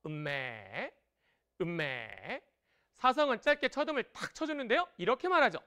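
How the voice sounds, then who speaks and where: Lively Korean woman teaching a broadcast lesson. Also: sits high, fast talker. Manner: lively and encouraging, drawing out example tones. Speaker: Chinese language teacher.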